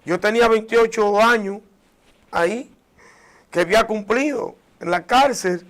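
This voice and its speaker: A man with a notably high voice tells his personal faith testimony. He speaks earnestly and with emotion. He often restarts phrases and sinks into softer, quieter passages. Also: measured pace. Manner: earnest and emotional, with many restarts and soft drops in volume. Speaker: guest sharing a testimony.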